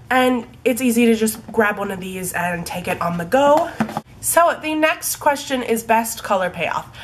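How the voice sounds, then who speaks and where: A young beauty vlogger, congested and stuffy from a cold, chats casually about her favorite products, her speech full of "likes" and "ums." She has a mid-range voice, and there's noise in the background. She's in a room at home as the daylight fades.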